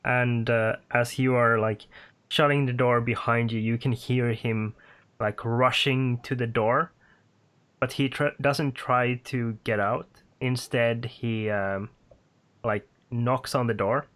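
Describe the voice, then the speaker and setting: A man narrates a tabletop game as its game master. He speaks slowly and haltingly, filling the gaps with "uh" and "like". His voice sits at a middle pitch. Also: steady tone, a bit bright. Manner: slow and hesitant, many fillers.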